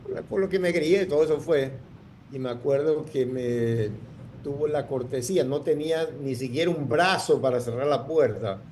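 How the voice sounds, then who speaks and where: Over a slight hum, this man speaks at a moderate pace in a darkish, mid-range voice. He's the guest entrepreneur in an interview, recounting his story in a rambling way full of fillers and false starts.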